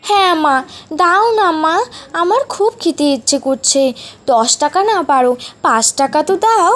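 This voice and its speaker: A woman voicing a pleading little boy in a cartoon, wheedling in a high voice. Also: animated, moderate pace, fairly bright tone, slight background noise. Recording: background music.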